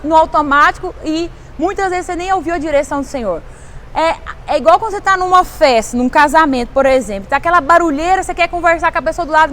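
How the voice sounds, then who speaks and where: A high-pitched, middle-aged woman with a Brazilian Portuguese accent preaches informally as a pastor, pressing her listeners with repeated questions. Faint traffic noise hums behind her voice. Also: a bit bright. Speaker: volunteer pastor. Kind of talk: casual preaching to camera.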